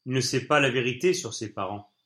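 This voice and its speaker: A man reading an audiobook, voicing a wise old man over 60 who speaks in a calm, grave, measured way. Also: mid-range voice, lightly acted.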